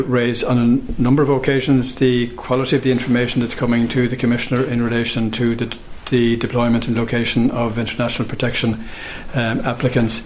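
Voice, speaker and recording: A man making a formal statement as a public official, in a halting, measured way. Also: medium pitch, a little hiss or hum, poor audio.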